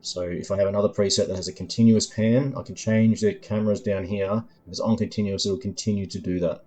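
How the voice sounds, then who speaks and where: Low, mellow man walking through software. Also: steady tone. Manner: unhurried, filler-heavy, thinking aloud. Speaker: developer demoing his app. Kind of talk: screen-recording tutorial walkthrough.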